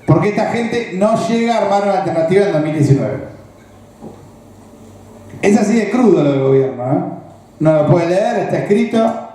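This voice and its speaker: A man with a Rioplatense Argentine accent lays out a political analysis as a speech, pausing to ask whether his listeners follow. His voice sits high but with a mellow, dark tone. The recording is heavily echoey and roomy. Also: lively intonation. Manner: explanatory, asks the audience rhetorical check-in questions. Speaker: political speaker.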